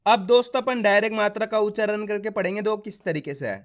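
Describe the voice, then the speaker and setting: This online reading lesson is taught by a man with a high voice who slowly sounds out words one syllable at a time and keeps confirming the learner understands.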